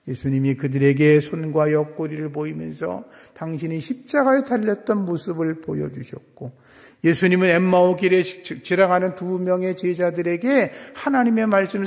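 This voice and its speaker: A man who is a senior pastor, preaching a sermon at a Friday prayer service, rising to loud exhortation and dropping to hushed phrase endings. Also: a little high, vocal fry. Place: church sanctuary. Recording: church hall reverb.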